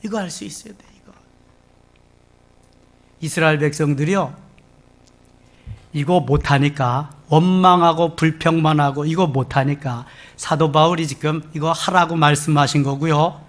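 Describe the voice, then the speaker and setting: A man's voice: fairly high pitch, normal speed, long pauses. An older man preaching a sermon as pastor in a church, emphatic and exclamatory, with sudden outbursts. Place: church sanctuary.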